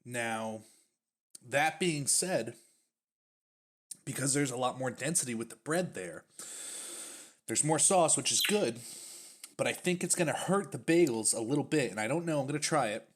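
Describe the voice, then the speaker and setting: A man's voice: medium pitch, lively intonation, moderate pace, pauses often. A man casually reviewing snack foods on his stream, chatty and full of fillers, sometimes talking with his mouth full. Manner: chatty, uses many fillers, talks while chewing.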